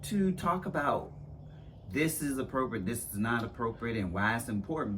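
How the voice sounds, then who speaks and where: A man in a casual conversation, talking in a halting way and often restarting as he searches for words. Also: lowish voice, slight background noise. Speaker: conversation partner.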